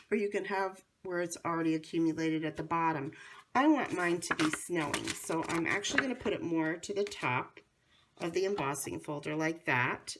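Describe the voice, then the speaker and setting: An American woman with a hoarse, cold-affected voice hosts a casual how-to craft demonstration in a chatty, enthusiastic way. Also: on the low side, noisy background. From North Carolina, United States. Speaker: craft tutorial host.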